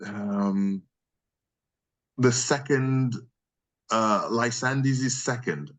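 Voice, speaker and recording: A male freelance voice actor speaks extremely slowly at a medium pitch while answering questions in a casual interview. He is effusive and appreciative, giving long, rambling answers.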